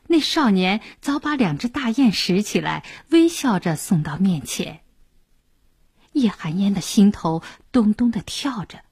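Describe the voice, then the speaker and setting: A woman narrates a traditional tale in an expressive, rhythmic storytelling style. Her voice is husky and unhurried. The recording is dry and close. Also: mid-range voice, no echo.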